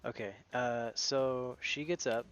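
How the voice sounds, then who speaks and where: A man's voice: medium pitch, fairly even intonation, slow pace, a bit bright, smooth, muffled recording. A man narrating as game master in a tabletop game, casual, swearing now and then, restarting his phrases as he goes.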